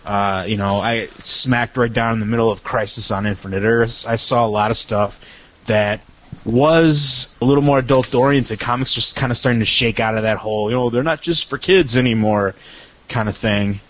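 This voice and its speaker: A man's voice: mid-range voice, normal speed, fairly bright tone. A man in his thirties chatting casually as a podcast co-host. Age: 30s. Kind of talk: casual chat.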